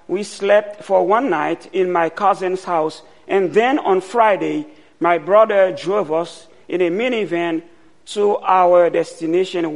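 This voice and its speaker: Slow, gravelly-voiced man from Haiti preaching. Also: high-pitched. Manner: slow and deliberate, pausing often. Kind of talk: sermon.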